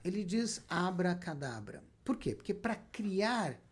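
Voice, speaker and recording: A man's voice: sits high, sing-song, slow pace, slightly rough. A man, a rabbi giving a spoken lecture and emphatically asking and answering his own questions. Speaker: rabbi teaching Kabbalah.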